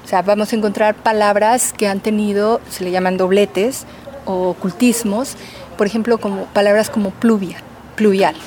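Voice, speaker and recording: A woman's voice: mid-range voice, steady tone, moderate pace, darkish tone, slight background noise. A woman professor, answering interview questions in a patient, teacherly way with many fillers. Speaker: linguistics professor.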